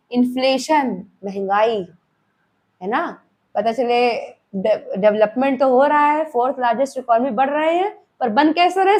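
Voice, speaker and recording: A woman's voice: high voice, a little mellow. A young woman with an Indian accent, giving a classroom lecture that mixes Hindi and English. She talks to her students conversationally and keeps checking in with them. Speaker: teacher.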